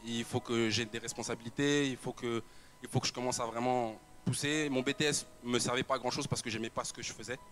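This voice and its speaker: A man's voice: medium pitch, fairly even intonation, fast talker, a bit bright, soft background music. A young man giving a personal testimony, telling his story with many repetitions and fillers. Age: young adult. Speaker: church member giving a testimony. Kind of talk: personal testimony told to an audience.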